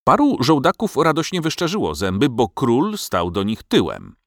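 A man narrating a storybook tale as an audiobook, in an expressive storytelling manner. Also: mid-range voice, normal speed, no room sound, clean studio sound.

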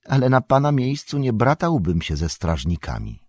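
A man voicing an excitable, fussy middle-aged male innkeeper who rambles and frets. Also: mid-range voice, moderate pace, no room sound, studio quality, pitched above the performer's own voice. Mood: fretful.

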